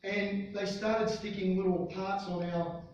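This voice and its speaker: An Australian man giving a conference keynote, telling a story in an animated way and often restarting his sentences. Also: high-pitched, a little slow, slight background noise. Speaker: conference speaker. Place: large conference hall. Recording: distant, very echoey, dull hall sound.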